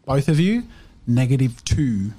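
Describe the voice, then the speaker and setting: Animated man running a tabletop game. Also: mid-range voice, unhurried, husky. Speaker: game master. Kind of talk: improvised tabletop game narration.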